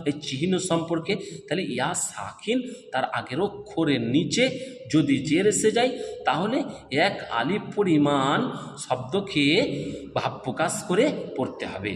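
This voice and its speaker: Man, Bengali accent, sing-song chanted drills, fairly high voice, echoey reverberant room, faint hiss. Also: expressive. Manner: slow, sing-song repetition of syllables. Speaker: Quran reading teacher. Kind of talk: lesson, chanting letter drills.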